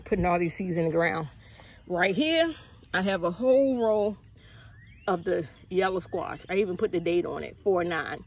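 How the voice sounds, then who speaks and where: A woman's voice: lowish voice, expressive, normal speed, a little mellow, slightly rough. An older woman, a bit out of breath, chatting casually to viewers while walking through her outdoor vegetable garden, calling them y'all. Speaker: gardening vlogger.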